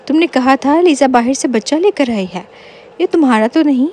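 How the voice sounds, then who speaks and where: A woman's voice: sits high, a little mellow, lightly acted. A woman voicing a cheeky, self-pitying young man in a storybook reading. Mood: teasing. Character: cheeky lonely young man, whiny joker.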